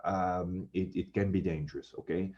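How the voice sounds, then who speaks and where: Chatty teacher guy, lowish voice, muffled lo-fi sound. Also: fairly even intonation, normal speed, a little hiss or hum. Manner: chatty, addresses students as guys. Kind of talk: classroom lecture.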